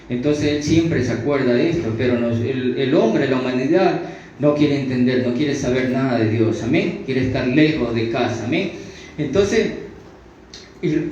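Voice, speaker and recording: Heard through a distant microphone in a very reverberant room, with dull audio and a bit of background noise, a man with a Latin American Spanish accent delivers an improvised Bible teaching. His voice is mid-range and a little mellow. He circles back over his points, stumbles into restarts and keeps adding "amen."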